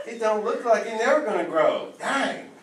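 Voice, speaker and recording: A man's voice: high voice, roomy sound, distant mic, very noisy, heavily acted. A man acting as a fussing middle-aged mother in a school play, scolding in a motherly drawl. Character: fussing Southern mother Rose, middle-aged, bossy but loving. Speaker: student actor.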